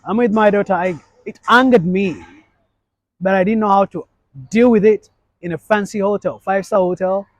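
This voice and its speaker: A man's voice: high-pitched, normal speed, no echo. A middle-aged man from Uganda, a guest in a casual interview, telling stories animatedly and acting out what people said. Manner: animated storytelling, acts out voices.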